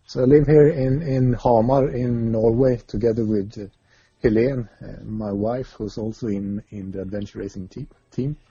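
A man's voice: medium pitch, steady tone, normal speed, warm tone, slightly rough. A man with a Swedish accent, a guest in a remote interview, talking hesitantly with many filler sounds. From Sweden. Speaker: guest, adventure racer. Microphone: video or internet call. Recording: muffled lo-fi call audio.

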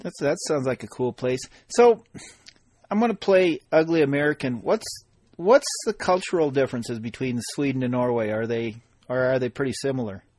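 A man hosting a podcast, chatty and relaxed in a casual interview. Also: mid-range voice, normal speed, dry recording. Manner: relaxed, chatty, laughs often. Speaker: podcast host.

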